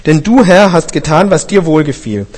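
A man's voice: sits high, animated, brisk, pitched above the performer's own voice. Frightened sailors caught in a storm , spoken by a male reader, raised and pleading. Their questions tumble out with fear in a storybook scripture telling. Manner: pleading, fearful.

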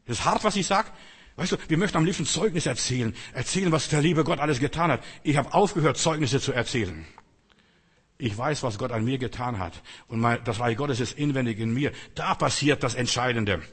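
A man's voice: medium pitch, a little fast, husky. An older man preaching a sermon, earnest and emphatic with rising outbursts. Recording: long reverb in a hall.

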